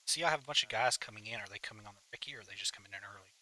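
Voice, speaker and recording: Very sharp, fast-talking man in tactical chat. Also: lowish voice, rough recording. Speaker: radio coordinator in a military simulation game.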